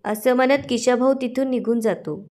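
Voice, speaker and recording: A woman with a fairly high voice retells a TV serial episode and reads every character's lines herself. She keeps a steady storytelling pace, moving through scene after scene. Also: moderate pace. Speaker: narrator. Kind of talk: episode recap narration.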